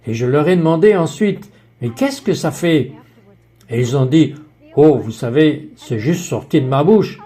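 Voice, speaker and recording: A man with a slightly high, mellow voice provides the French voice-over for a female guest on a faith talk show, recounting her story earnestly with a light touch of acting.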